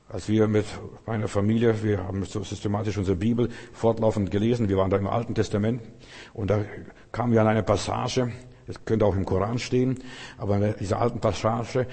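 A middle-aged man preaches with fervor, his low, husky voice ringing through a big hall with a long reverb. He calls out to the congregation and draws them into responses as he preaches. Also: darkish tone. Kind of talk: sermon.

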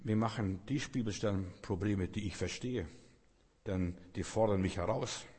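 A man's voice: fairly low pitch, normal speed, darkish tone, slightly rough. A man preaching a sermon, speaking earnestly and addressing the listener directly. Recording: long reverb.

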